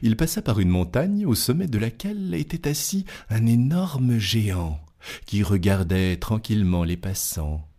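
Male storybook narrator; low, unhurried, animated delivery. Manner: lively, expressive storytelling. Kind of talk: storybook reading aloud.

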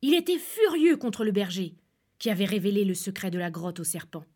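A woman calmly reading a fairy tale aloud as storyteller. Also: medium pitch, fairly quick.

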